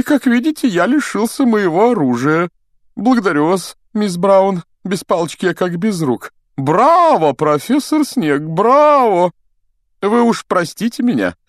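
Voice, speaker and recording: A vain, theatrical wizard teacher, as a male audiobook reader puts him on, booming and full of himself. The voice sits high and loud, swinging up and down. The room sounds dry and close. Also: no echo. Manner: grandiose, self-admiring, booming. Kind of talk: audiobook character voice.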